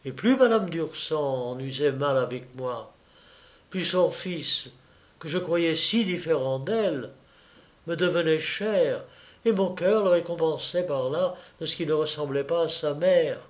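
A man narrating a classic novel as an audiobook, his voice sitting a bit higher than most men's. He reads in a steady, measured way, shaping long old-fashioned sentences with care. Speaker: audiobook reader. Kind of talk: scripted literary narration.

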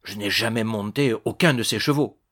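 A man's voice: on the low side, normal speed, a bit bright. A man voicing a male bandit under questioning, answering evasively and defensively.

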